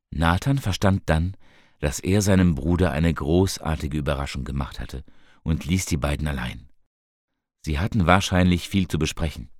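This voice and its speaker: A man reading a story aloud in a calm, scripted narration, raising his voice for the characters' quoted lines. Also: dry recording, clean studio sound. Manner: calm, slow, lifts pitch for quoted characters.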